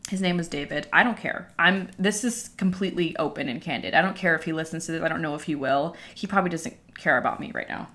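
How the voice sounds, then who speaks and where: A woman's voice: sits low, fast, hardly any pauses, fairly bright tone. Breathless young woman, chatting candidly. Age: young adult. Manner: chatty, filler-heavy with frequent "like". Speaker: vlogger speaking to followers. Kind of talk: casual candid storytelling.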